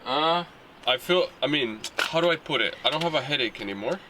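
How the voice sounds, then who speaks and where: A man's voice: on the high side, animated, fairly quick, background noise. A man chatting casually as a travel companion, congested and stuffy, joking wryly. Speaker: vlogger's travel partner. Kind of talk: casual chat.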